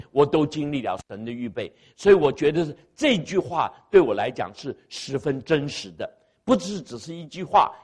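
A man's voice: fairly high pitch, husky. A man preaching a sermon in church into a microphone, repeating key phrases for emphasis and calling on the congregation to answer aloud. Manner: engaging the congregation, asking them to answer aloud. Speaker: pastor. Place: church sanctuary with sound system. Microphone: amplified microphone.

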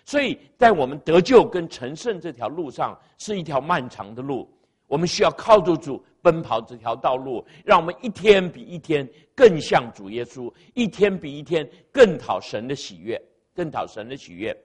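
A male pastor delivers a sermon over a church microphone, drawing the congregation in with questions and repeated phrases. His voice sits a little high and is slightly husky, and it swings up and down with lively expression. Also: moderate pace. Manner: engaging the congregation, asking them to answer aloud; emphatic repetition of phrases. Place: church sanctuary with sound system. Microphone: amplified microphone.

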